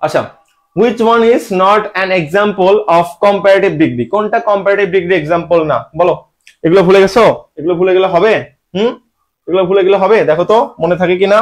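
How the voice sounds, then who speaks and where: A somewhat fast man with a high-sitting voice runs an online admission-exam class on English grammar. His Bangladeshi Bengali accent colors the lesson as he teases learners and asks questions he then answers.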